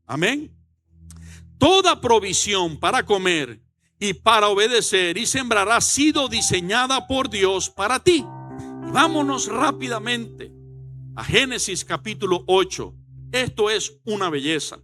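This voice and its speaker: Lively Venezuelan pastor preaching. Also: male voice, sits high, unhurried, faint music behind. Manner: animated storytelling, acts out shouted quotes. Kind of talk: sermon. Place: church.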